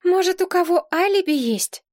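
A woman voicing a quick-tempered young princess who gives commands in an indignant, commanding tone. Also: very high voice, lively intonation, darkish tone, no echo, studio quality, pitched above the performer's own voice. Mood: exasperated.

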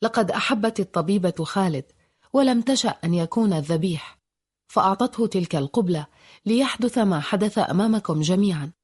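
A woman's voice: mid-range voice, expressive, brisk, a little mellow, husky. A woman voicing an earnest young man who is a loyal friend, in a storybook reading.

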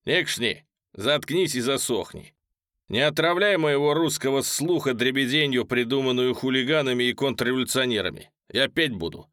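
Man doing a bold, shouting defiant singer. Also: mid-range voice, moderate pace, dry recording, studio quality, lightly acted. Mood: commanding. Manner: loud, commanding shouts. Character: bold defiant male singer, commanding and mocking.

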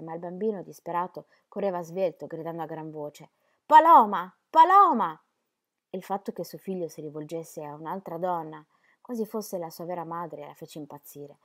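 A woman's voice: sits low, darkish tone. Woman reading a novel aloud. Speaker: audiobook reader. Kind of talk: audiobook narration.

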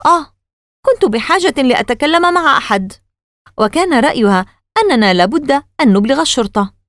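An earnest young girl from a storybook, voiced by a woman narrator, tense and trying to keep the fear out of her voice. Her pitch sits well above the narration, lively and rising. The sound is dry and close. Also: fairly quick, no echo. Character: worried young girl, the older sister.

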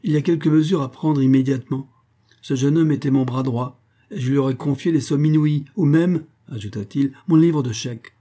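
A man's voice: mid-range voice, brisk, dark tone, pitched above the performer's own voice, close to an everyday voice. A man reading aloud who voices a stern, pompous middle-aged schoolmaster, questioning imperiously and impatiently. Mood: indignant.

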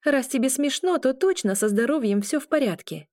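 A woman's voice: high voice, lively intonation, brisk, a little mellow, no room sound, studio quality, pitched above the performer's own voice. A woman voicing a shy, flustered young woman who fusses anxiously over an injured man. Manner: raised, anxious exclamations.

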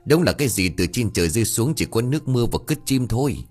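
A man voicing a crafty old male village sorcerer who lectures gruffly and curses. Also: low-pitched, very animated, normal speed, soft background music, full character voice. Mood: cursing.

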